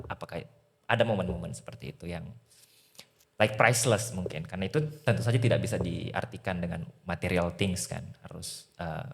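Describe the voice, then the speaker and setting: Man from Indonesia, podcast host, very low voice, hesitant questions. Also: vocal fry, fairly bright tone. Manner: affirming, hesitant questions with fillers. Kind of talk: podcast interview.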